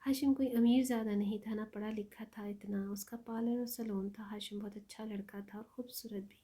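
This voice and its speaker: Woman storyteller, mellow and breathy, soft half-whispered delivery. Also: medium pitch, steady tone. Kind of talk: emotional story narration.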